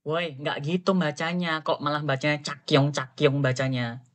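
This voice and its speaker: A woman's voice: deep voice, normal speed. A woman teaching Korean pronunciation, firmly correcting her students as she drills them. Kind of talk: online Korean lesson in Indonesian.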